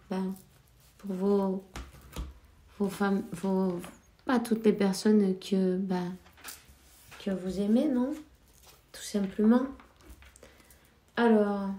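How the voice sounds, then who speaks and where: Her voice mellow and mid-range, a card reader who has a cold offers relaxed spiritual guidance. She talks slowly, hesitating and leaning on plenty of fillers, and the recording is reverberant.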